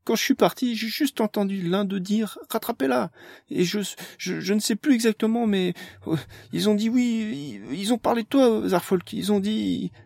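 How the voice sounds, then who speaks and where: A man's voice: medium pitch, brisk, darkish tone, slightly rough, no echo, pitched above the performer's own voice, close to an everyday voice. A man voicing a frantic young woman on the run, talking urgently and close to tears. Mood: distraught.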